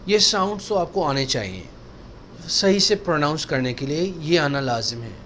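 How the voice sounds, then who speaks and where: A man teaching a recorded spoken-English lesson, explaining slowly and repeating example words to model pronunciation. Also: on the high side, animated, a bit bright, slight background noise.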